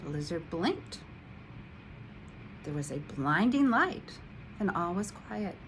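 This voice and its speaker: A woman, an instructional coach, reading a children's picture book aloud in an expressive, animated way. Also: fairly low pitch, slow, slight background noise, low-quality recording.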